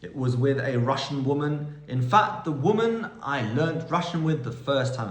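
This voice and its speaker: Male host, casual Q&A monologue, chatty storyteller, phone audio with room echo. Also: medium pitch. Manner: chatty, rambling storytelling with quoted dialogue. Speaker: vlog host answering viewer questions. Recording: roomy echo.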